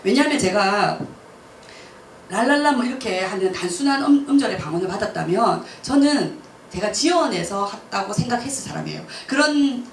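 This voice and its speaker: A woman missionary telling a personal testimony at church, lively and laughing often as she acts out her own words. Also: medium pitch, normal speed. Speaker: missionary speaker. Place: church hall. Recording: roomy church hall, mic from a distance, faint noise.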